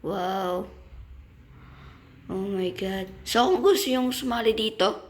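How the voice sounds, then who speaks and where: A man with a Filipino accent hosting a gaming channel, giving excitable casual commentary as he plays and exclaiming when things go wrong. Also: high voice, takes it slowly. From Philippines. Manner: excitable, yelps and exclaims while playing.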